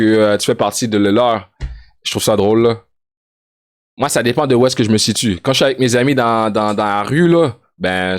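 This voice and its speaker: A man's voice: mid-range voice, no room sound. Joking man with a dry close sound. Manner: joking, mixes English slang into his talk. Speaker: streamer reacting to a music video. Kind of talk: casual reaction commentary.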